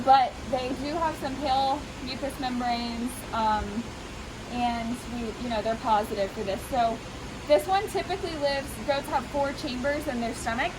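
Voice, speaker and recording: A woman explaining animal treatment casually and informally, her voice slightly muffled by a face mask. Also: high-pitched. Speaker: veterinary professional treating goats. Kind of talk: casual explanatory talk to camera. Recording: noisy, steady rushing background hiss.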